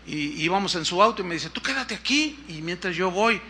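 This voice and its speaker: Male pastor, high bright voice, lively storytelling sermon. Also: a little fast, slightly rough. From Mexico. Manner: storytelling, acts out dialogue with shifting pitch and volume. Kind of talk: sermon testimony.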